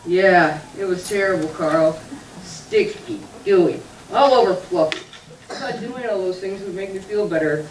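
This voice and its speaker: Recorded from a distance in an echoey room with a faint hiss, a woman gives voice to a sulky little boy puppet whining and sniffling through a confession, with bursts of crying. Her tone is on the low side, expressive and unhurried, and the whole thing has the plain sound of a church puppet show.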